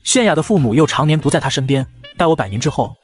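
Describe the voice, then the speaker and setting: A frail old patriarch of a martial clan, grave and courteous in every word, as a man reading a comic story puts him on. The voice sits a little high and moves at a brisk clip. Soft music runs underneath. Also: big pitch swings. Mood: solemn. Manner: solemn, courteous.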